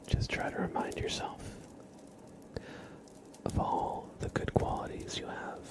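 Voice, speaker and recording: Positive affirmations come from a male ASMR streamer who whispers breathily, his phrasing halting and his tone gentle and comforting.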